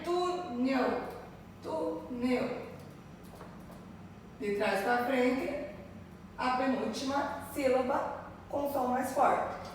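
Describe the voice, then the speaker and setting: A woman teacher giving a recorded remote grammar lesson, patiently repeating words and checking in with her pupils. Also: high-pitched. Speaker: primary school teacher. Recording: echoey room, voice far from mic, faint noise.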